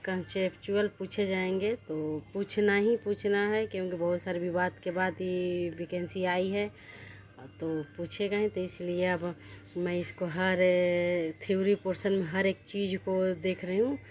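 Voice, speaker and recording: A woman's voice: lowish voice, fairly even intonation, measured pace. A young woman with a Bihari Hindi accent, chatting casually in a study vlog about her exam preparation, rambling and correcting herself as she goes. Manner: rambling, self-correcting, earnest. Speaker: vlogger studying for a teacher exam.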